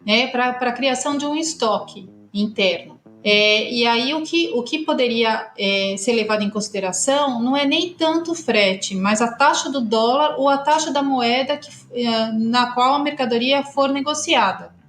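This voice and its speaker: A woman, a partner at a customs consultancy, explaining in a measured way with hesitant fillers on a podcast. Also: on the high side, fairly bright tone, roomy sound, faint music behind. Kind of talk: podcast discussion.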